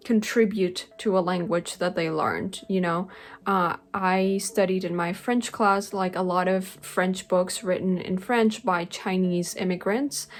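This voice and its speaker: With a lowish voice, a young woman from a Spanish-speaking country, a native Spanish speaker, makes a casual talking-head vlog about language learning. She speaks earnestly from her bedroom into a webcam-style camera close in front, using "like" and "um" a lot.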